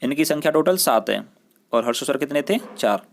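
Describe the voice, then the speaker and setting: A man's voice: on the high side, animated, vocal fry. Patient man teaching grammar. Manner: patient, repeats terms and stretches sounds slowly for pupils. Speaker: school Hindi teacher. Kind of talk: recorded classroom grammar lesson.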